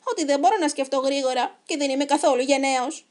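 A woman's voice: high-pitched, darkish tone, natural voice. Woman doing a timid rabbit pirate boy. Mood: worried. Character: timid male rabbit pirate playing brave.

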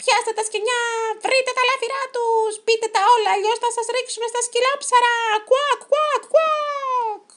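A woman voicing a gang of noisy, bossy male chicken pirates with shrill, squawking shouts. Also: steady tone, hardly any pauses.

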